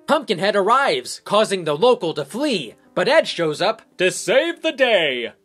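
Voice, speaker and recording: A man's voice: high-pitched, very animated, unhurried, a bit bright, faint music behind. A man recapping a horror movie as a reviewer, with sarcastic joking asides. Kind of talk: comedic film recap narration.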